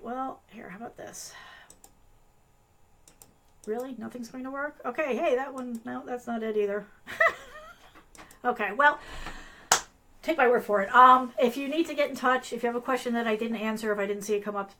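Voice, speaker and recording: A woman with a fairly high voice hosts a live online tutorial at her computer. She talks casually and apologizes often, trailing into fillers and restarts. Her voice is wearing thin as she is losing it. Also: bright, forceful tone, slight background noise. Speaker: host of a live business analyst show.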